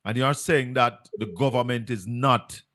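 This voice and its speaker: A man's voice: mid-range voice, moderate pace, a bit bright. A man with a Jamaican accent hosting a live stream, pressing his guest with insistent, point-by-point questions.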